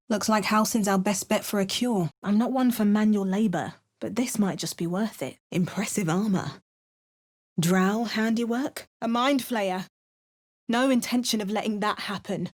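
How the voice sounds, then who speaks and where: Voicing a video game's battle-hardened adult adventurer, a woman keeps a natural, mid-range voice as she narrates the character's journey and delivers wry, sardonic barks.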